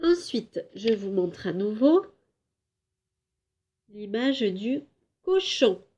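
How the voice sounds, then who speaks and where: Slow, patient kindergarten teacher, woman. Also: mid-range voice, sing-song, mellow, highs cut off. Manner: slow, clear syllable-by-syllable teaching; drawn-out, emphatic words for children. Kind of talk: home lesson for young children.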